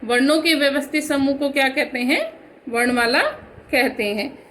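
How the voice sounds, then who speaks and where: A woman with a high voice teaches a grammar class, working through each point slowly and patiently. She puts questions to her pupils and then answers them herself, and calls them "beta." A faint hiss sits under the recording. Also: fairly bright tone, poor audio. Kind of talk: recorded online class lesson.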